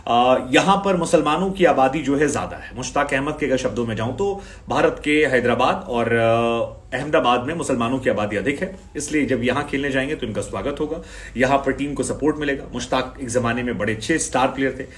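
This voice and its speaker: A man hosts a cricket news show in a conversational commentary style. He speaks directly to his viewers, reading out posts and summing them up as he goes. His voice sits at an ordinary middle pitch. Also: fairly quick. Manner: talks straight to viewers, reads out and sums up posts. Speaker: cricket channel host.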